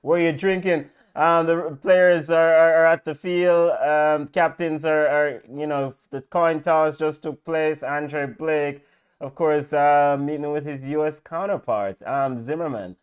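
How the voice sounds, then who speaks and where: A man co-hosting a football watch-along, talking through the match in a lively, casual way with frequent fillers. His voice sits a little high and sounds smooth and resonant. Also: measured pace.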